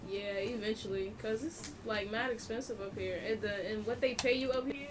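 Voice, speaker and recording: A young woman jokes and chats casually on a podcast, in a mid-range voice. She sits back from the mic, and steady room noise is clearly heard. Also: mid-range voice, moderate pace. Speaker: podcast co-host. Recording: distant mic, noisy room.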